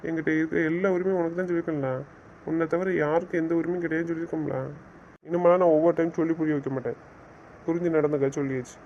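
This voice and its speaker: A teasing, bossy young husband from a romantic audio drama, played by a man. The voice sits high for a man and is firm when he lectures. It comes through a slightly dull, lo-fi recording. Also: flat delivery, very fast, a little mellow, a little hiss or hum, natural voice. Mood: scolding. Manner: teasing, then stern and scolding. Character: young husband, teasing yet bossy with his new wife.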